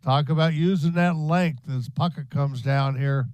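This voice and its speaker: A man's voice: on the high side, unhurried, darkish tone, clean tone, no room sound, low-quality recording. A man giving playful color commentary on a ski race, joking with his co-announcer. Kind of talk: live sports commentary.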